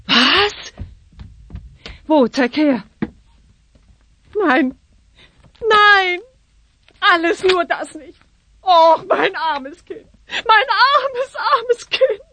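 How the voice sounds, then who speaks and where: A woman's voice: extremely high pitch, expressive, extremely slow, long pauses, bright, forceful tone, a little hiss or hum, exaggerated voice. A fretful witch mother. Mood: distraught. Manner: fretful and bossy, chants spells. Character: fussy, anxious witch mother. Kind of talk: children's radio play acting.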